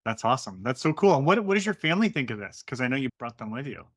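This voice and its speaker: A man's voice: mid-range voice, sing-song, racing. An enthusiastic man hosting a podcast, welcoming and introducing his guest in an upbeat way. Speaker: podcast host.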